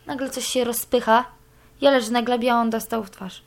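A woman's voice: on the high side, fairly even intonation, fairly quick. A young woman giving a candid personal account, cursing freely as she talks. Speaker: interviewee.

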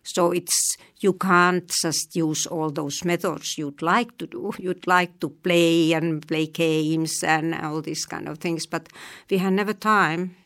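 Speaking with a Finnish accent, this middle-aged woman from eastern Finland is a language teacher who considers each interview question carefully, with frequent pauses and restarts. Her pitch is on the low side, her intonation fairly even, and her tone a bit bright.

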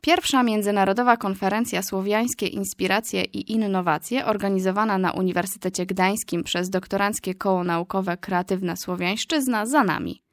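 A woman presenting a radio news report, reading a script in a measured, formal way. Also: mid-range voice, no echo, studio quality.

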